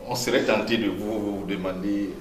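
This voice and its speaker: A man with a very deep voice asks probing questions, often hesitating over his words. He sits well back from the mic in an echoey room, with a faint hiss behind. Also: fairly even intonation, normal speed, far from the mic. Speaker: interviewer. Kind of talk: interview questions.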